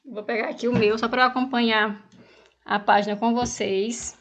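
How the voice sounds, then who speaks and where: A woman's voice: fairly high pitch, flat delivery, moderate pace. A woman from Brazil teaching an online language lesson, explaining patiently, asking the class questions and reading exercises aloud. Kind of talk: online Spanish lesson for students.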